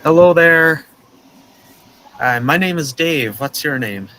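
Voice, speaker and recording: A man from the teaching a beginner English class over a video call, patient and clear, with a friendly welcoming manner. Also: a little high, expressive, slow, bright, forceful tone, slight background noise, low-quality recording. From United States, Minnesota. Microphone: video call headset or webcam mic.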